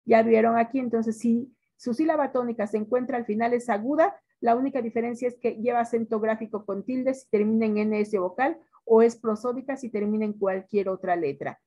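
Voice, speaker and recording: A woman teacher with a Mexican accent, giving a classroom lesson, stretching words out slowly and quizzing her students. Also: on the high side, fairly even intonation, dark tone, lo-fi sound.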